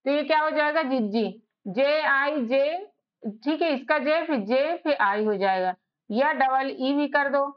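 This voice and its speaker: A woman teaching a spelling lesson, spelling out letters one by one in a slow, patient way. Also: high-pitched. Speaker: English teacher. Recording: slightly dull lo-fi recording.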